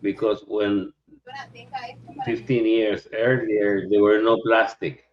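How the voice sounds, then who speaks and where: Slow, reflective man on a dull line. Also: fairly low pitch, level tone. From Nicaragua. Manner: slow, reflective, with many pauses. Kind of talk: casual chat. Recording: dull lo-fi sound.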